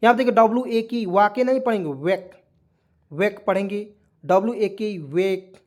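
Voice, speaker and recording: A man's voice: high voice, brisk, a little mellow. A man teaching English vocabulary. He keeps asking his viewers what each word means and then repeats the answer. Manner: drills words, repeats questions to viewers. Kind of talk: lesson.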